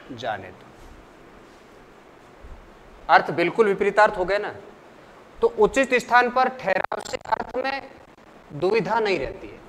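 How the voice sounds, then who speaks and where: A man teaching a lesson, asking the class questions and answering them himself in a slow, deliberate way. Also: sits high, fairly bright tone, long reverb tail, a little hiss or hum. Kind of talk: classroom lecture.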